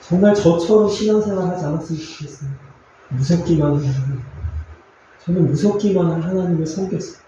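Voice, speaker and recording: A man pastor preaching a sermon in a church, earnest and confessional, with pauses and fillers. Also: on the high side, mellow, very echoey, highs cut off, slight background noise. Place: church sanctuary.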